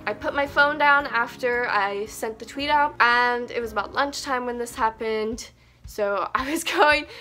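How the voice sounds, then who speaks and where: Bubbly high-voiced young woman gushing. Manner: gushing, breathless and excitable. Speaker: small YouTuber. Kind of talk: excited story-time vlog.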